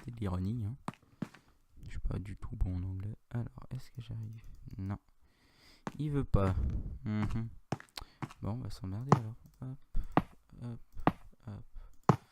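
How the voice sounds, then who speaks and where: French guy, rambling tutorial chat, unhurried, keyboard clicks audible behind. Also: lowish voice, gravelly, heavy background noise. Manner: rambling, self-correcting, chatty with asides and filler sounds. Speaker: Minecraft tutorial youtuber. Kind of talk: casual screen-recorded game tutorial.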